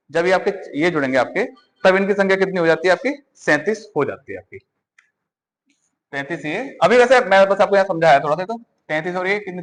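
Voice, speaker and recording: Male teacher, high voice, quizzes and repeats in a reverberant hall. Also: fairly bright tone. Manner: quizzing students, repeating answers. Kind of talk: classroom lecture.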